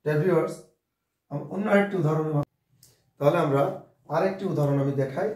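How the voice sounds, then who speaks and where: A man with a Bengali accent teaching an English grammar lesson slowly and deliberately, spelling sentences out word by word and addressing dear viewers again and again. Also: fairly high pitch, a little mellow, reverberant, distant mic. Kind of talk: slow classroom-style grammar lesson.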